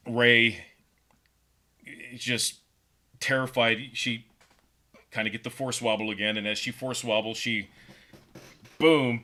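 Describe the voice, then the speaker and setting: A man hosting a podcast, casually pitching a story scene by scene in a rambling way with lots of fillers. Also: sharp tone. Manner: rambling, filler-heavy retelling. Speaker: podcast host.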